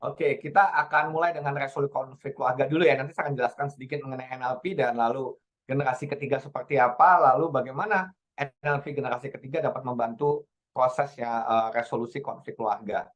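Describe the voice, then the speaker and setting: A man's voice: medium pitch, fast talker, fairly bright tone. A man, a trainer giving a webinar talk, engaging and often checking in with his audience. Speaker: speaker, NLP trainer. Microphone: video call.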